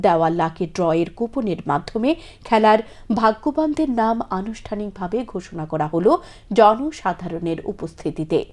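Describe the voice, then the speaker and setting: A woman reading a scripted local news report in a formal, announcing manner. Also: mid-range voice.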